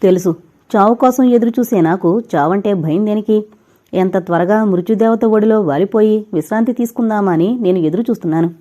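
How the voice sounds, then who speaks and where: Woman reading anguished heartbroken man, curt, hurried, warm dark tone, audio novel. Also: medium pitch, lightly acted. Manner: pained, brusque, hurried.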